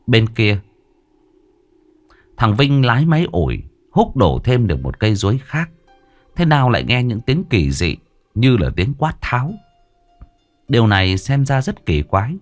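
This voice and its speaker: Expressive male ghost-story narrator. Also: mid-range voice, normal speed, long pauses, soft background music. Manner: dramatic, expressive.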